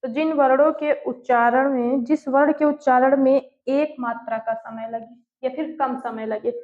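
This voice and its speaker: A woman teacher speaks slowly and patiently in a high voice, asking the class questions and then answering them herself. She dictates notes word by word. The sound is tinny and phone-like, with the echo of a bare room. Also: steady tone. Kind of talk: online class lesson.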